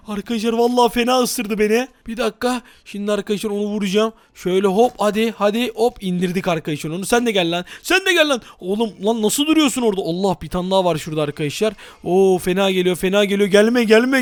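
A man giving energetic Let's Play commentary, excitable and often yelling at enemies. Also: high-pitched, no echo. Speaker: gaming YouTuber.

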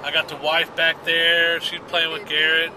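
A man's voice: a little high, monotone, moderate pace, background noise. A man chatting casually and teasing his family while filming a home video on a handheld camcorder. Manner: joking, teasing, folksy. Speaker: vlog host. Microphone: handheld pocket camcorder.

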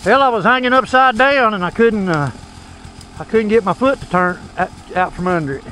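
A man with a drawl and a notably high voice chats outdoors on a wooded trail, winded and chuckling as he talks. His speech is loose and rambling. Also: moderate pace, pushed and bright, slight background noise. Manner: laughing, drawling storyteller. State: out of breath. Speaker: trail rider filming the ride. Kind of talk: casual chat on a trail ride.

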